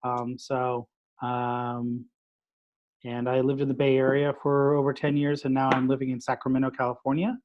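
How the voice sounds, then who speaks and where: A man, a product designer and former teacher, introducing himself on a video call in a measured way with fillers. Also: medium pitch, completely flat delivery. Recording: dull video call audio.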